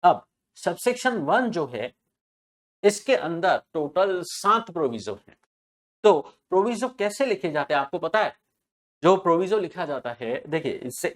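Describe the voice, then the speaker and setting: Man lecturing on tax, repeating key points. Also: high-pitched. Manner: asks rhetorical questions and answers them, repeats key terms. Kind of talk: classroom lecture.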